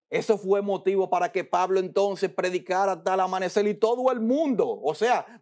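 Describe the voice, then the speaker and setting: A man with a Dominican Spanish accent preaching a sermon, dramatically acting out worried people and dropping to a soft hush to calm them. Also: high-pitched.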